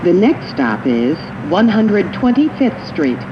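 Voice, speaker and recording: A woman reading scripted recorded public transit announcements, like at an airport, in a measured, formal, clearly phrased manner. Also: very animated. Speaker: subway train announcer. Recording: dull, noisy capture inside subway train. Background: train rumble and ambience.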